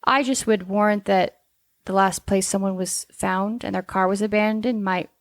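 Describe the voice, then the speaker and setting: A woman's voice: mid-range voice, steady tone, moderate pace, no room sound. Opinionated woman co-host, close dry sound. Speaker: podcast co-host. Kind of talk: casual true-crime discussion.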